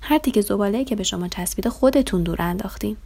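A woman's voice: medium pitch, vocal fry, warm tone, husky. A woman voicing a weary old man. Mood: reproachful. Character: kind, weary old man who collects trash.

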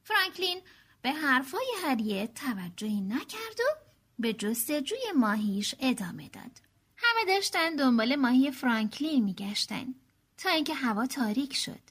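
Expressive woman reading a children's story. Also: high-pitched, slightly rough. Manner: expressive, slowing for emphasis.

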